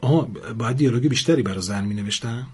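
Eager defensive young husband, read by a man, husky, audiobook story. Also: mid-range voice, a little mellow. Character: Ashkan, an eager new-writer husband.

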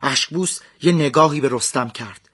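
Bright-voiced male epic storyteller. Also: mid-range voice, slightly rough. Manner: slow, measured verse recitation between plain narration. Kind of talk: epic storytelling with recited verse.

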